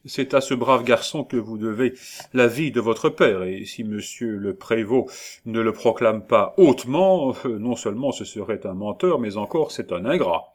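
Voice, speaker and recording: A man's voice: mid-range voice, expressive, normal speed, close to an everyday voice. Man doing a fiery, proud old-world master craftsman. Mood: emphatic. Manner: emphatic and declamatory. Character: passionate Renaissance master goldsmith, fiery and proud.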